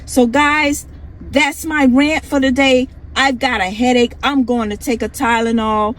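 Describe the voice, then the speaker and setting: A woman's voice: high voice, steady tone, a little slow, low-quality recording. A woman ranting heatedly to her viewers, scolding and combative, hammering the same points again and again. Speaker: vlogger. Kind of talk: heated rant to camera.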